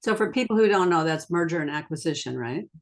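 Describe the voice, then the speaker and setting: Low-voiced, effusive woman host. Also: expressive, fast. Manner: effusive, enthusiastic. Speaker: podcast host. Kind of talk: conversational interview.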